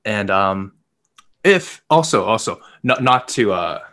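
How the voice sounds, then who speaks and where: A man's voice: on the low side, expressive, takes it slowly, fairly bright tone. A man co-hosting a podcast in a casual, conversational style. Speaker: podcast co-host, actor.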